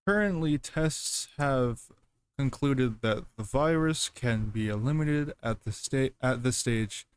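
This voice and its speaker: With a smooth voice of medium pitch, this man hosts reaction videos, commenting casually while reading text aloud. He halts often and says things again after stumbling.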